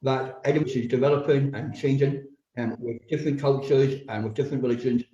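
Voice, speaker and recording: A man's voice: mid-range voice, steady tone, a little fast, warm tone, roomy sound, muffled recording. A man, an invited guest speaker, giving short polite remarks at an event, hesitant with many ums.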